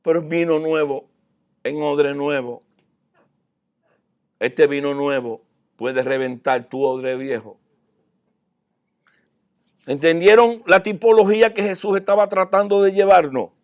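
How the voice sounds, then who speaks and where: A male preacher delivering a language sermon, moving from low, quiet passages to loud, high-pitched exhortation. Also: unhurried, long pauses.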